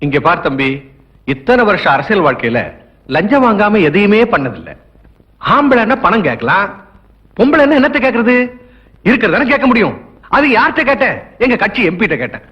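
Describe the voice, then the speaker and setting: An actor playing an arrogant, corrupt government minister in a film drama, haughty and scornful, speaking in rhetorical flourishes. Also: male voice, sits high, sing-song, fairly quick, long pauses. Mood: brazen, scornful. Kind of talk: dramatic Tamil film dialogue. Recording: dull lo-fi film soundtrack.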